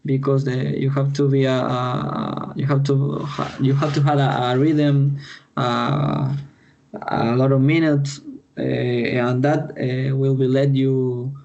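A Chilean man speaking English with a Spanish accent, stopping and restarting often as he finds his words in an interview. His voice is gravelly and flat in tone, and the audio is dull and lo-fi. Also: medium pitch. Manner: halting, repeats words while searching in English. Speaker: footballer guest. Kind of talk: podcast interview answers.

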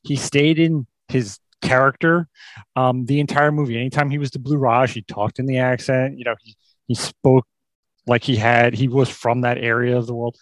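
A man's voice: mid-range voice, fairly even intonation, normal speed, no room sound. A man co-hosting a casual movie review podcast, chatting in an easygoing, agreeable way. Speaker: podcast co-host.

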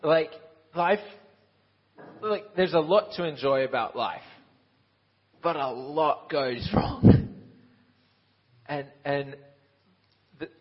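A man's voice: fairly high pitch, slow pace, pauses often, breathy edge, dull audio. A man in his twenties who grew up in Ukraine, a Bible college student who laughs at himself and restarts often while answering questions and then preaching on a church stage. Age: 20s. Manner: self-deprecating and laughing, with many restarts. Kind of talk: interview then sermon.

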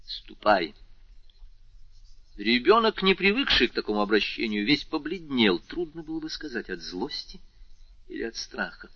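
Male audiobook narrator, husky, dramatic, dull lo-fi recording. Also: mid-range voice, moderate pace, dry recording. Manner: expressive, dramatic reading.

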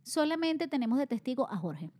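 A woman's voice: high voice, big pitch swings, fairly quick, a little mellow. A woman hosting a podcast in a chatty, bubbly way, laughing with her co-hosts. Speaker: podcast host. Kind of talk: casual chat.

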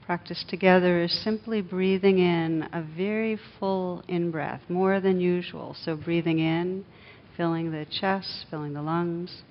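A woman teaches a guided meditation to a live group in a room, using slow, instructive speech in soothing, measured short phrases separated by pauses. Her tone stays steady. The lo-fi recording sounds dull, with clear rumble in the background.

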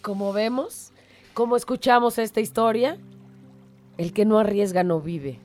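A woman's voice: mid-range voice, unhurried, darkish tone, faint music behind. A woman hosting a show and telling a moral reflection story in an earnest, dramatic way. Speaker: radio host.

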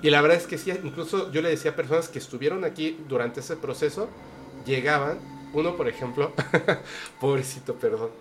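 A man's voice: fairly high pitch, a little fast, a little hiss or hum. Man telling stories, casual host. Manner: lively anecdotal storytelling with slang. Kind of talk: casual chat.

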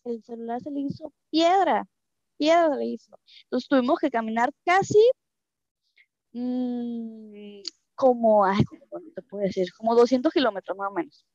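A woman's voice: normal speed, darkish tone, no room sound. A woman from Mexico with a Mexican Spanish accent, recounting a personal story in an interview, emotional and often repeating phrases for emphasis. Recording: dull, dry low-fidelity recording.

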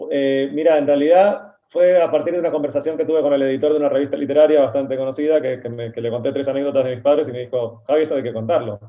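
Male writer in his forties, quick and stammering, warm dark tone. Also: medium pitch. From Argentina. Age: 40s. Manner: fast, stammering restarts. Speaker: guest writer. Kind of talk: interview. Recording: slightly dull, muffled sound.

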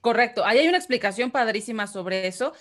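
A woman with a Mexican Spanish accent speaks fast in a fairly high, fairly bright voice with lively intonation. As a guest, she talks casually and chattily, explaining through questions to her listener and restarting sentences.

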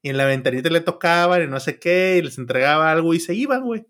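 A man's voice: a little high, animated, fast, fairly bright tone. A man with a Mexican accent, casually telling a story on a podcast in a swearing, slang-heavy way packed with filler words. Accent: Mexican Spanish. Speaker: podcast co-host.

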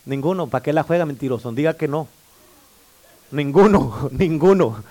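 A man's voice: a little high, normal speed, darkish tone. A man preaching a sermon as pastor, calling for amens and teasing the congregation in a playful way. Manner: preaching with call-and-response amens. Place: church.

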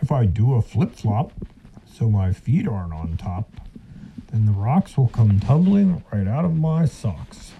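A man's voice: lowish voice, sing-song, unhurried, mellow, muffled recording, a little hiss or hum. A man doing a grumpy plodding ox. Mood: complaining.

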